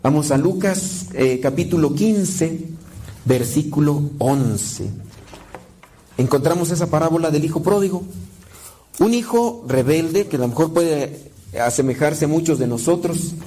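A man's voice: fairly high pitch, moderate pace, mellow, slight background noise, poor audio. A man preaching a sermon in a conversational way, often asking "right?" and acting out quoted lines. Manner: conversational, with tag questions and quoted asides.

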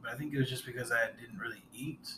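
A man co-hosting a podcast, joking in an easygoing way and chiming in with quick agreement. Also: mid-range voice, fairly even intonation, pushed and bright, slight background noise. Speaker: podcast co-host. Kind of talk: casual chat.

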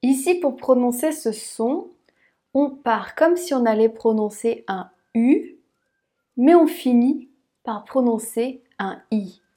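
A woman teaching French pronunciation, repeating words slowly syllable by syllable. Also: fairly high pitch, animated, mellow. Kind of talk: slow, careful pronunciation lesson.

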